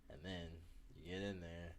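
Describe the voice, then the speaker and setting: Deep voiced bro dude on a podcast, swears a lot, rambly, bit of noise behind him. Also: male voice, little pitch movement, normal speed. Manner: frat-bro slang, swearing, calling listener bro and dude. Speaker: podcast host. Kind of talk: casual chat, rambling storytelling.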